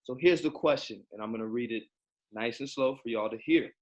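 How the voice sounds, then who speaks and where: A man's voice: medium pitch, fairly quick, highs cut off. A man hosting a casual panel show, playful and teasing as he moves the guests to the next question. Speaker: host. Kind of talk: podcast hosting.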